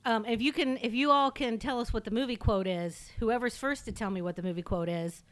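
A woman co-hosting a horror movie podcast, chatty and quick, readily agreeing and adding quips. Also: a little high. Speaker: podcast co-host. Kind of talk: casual horror podcast banter.

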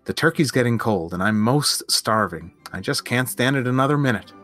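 A man's voice: medium pitch, animated, normal speed, fairly bright tone, dry recording, soft background music, natural voice. A man voicing an impatient little boy who whines and complains, in a storybook reading. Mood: sulky. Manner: whining, complaining.

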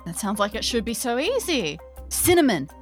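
An Australian woman guessing words on a podcast game show, quick and playful in her banter. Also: a little high, very animated, soft background music. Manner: playful, quick laughing reactions. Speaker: game contestant.

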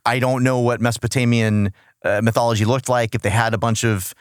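A man with a mid-pitched voice chats casually as a comedic co-host. He rambles through a recap, jokes and corrects himself, recorded very dry. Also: fairly even intonation, a little fast, clear, resonant tone, dry recording. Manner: rambling, jokey, self-correcting. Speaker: podcast co-host reviewing a cartoon.

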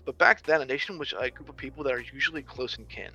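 A young adult man with a medium-pitched, fast, creaky voice rambles through ideas in casual conversation, restarting often and using lots of fillers. He's a social media creator who talks about biblical masculinity, and the recording sounds muffled.

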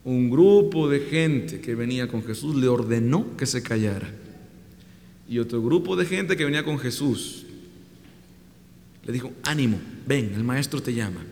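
A man's voice: mid-range voice, measured pace, creaky, pauses often, dark tone, a little hiss or hum. A man with a Mexican accent preaching a sermon in a colloquial, joking way, in a hall with long reverb.

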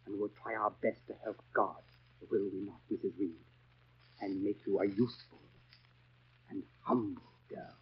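An actor playing a pompous, sanctimonious school overseer, preaching sternly in 1930s radio drama style. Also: male voice, on the low side, level tone, moderate pace, pauses often, slight background noise, natural voice. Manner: pompous, preachy, exaggerated swoops. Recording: muffled vintage 1930s radio recording.

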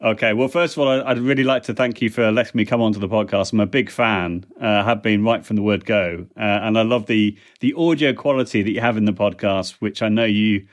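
A middle-aged man, a language technology consultant appearing as a podcast guest, gives relaxed answers to interview questions. His voice is on the low side and fairly quick with few pauses, and he talks chattily with frequent ums and small restarts.

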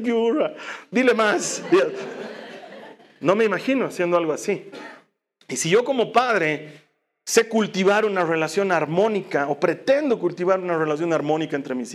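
A middle-aged man, a pastor, preaching a sermon in an earnest way and firing rhetorical questions at his listeners. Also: a little high.

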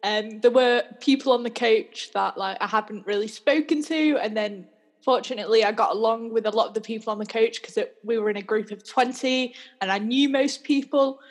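A young woman co-hosting a podcast, telling a story in a chatty, animated way and laughing often. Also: a little high, moderate pace. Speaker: podcast co-host. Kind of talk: casual storytelling chat.

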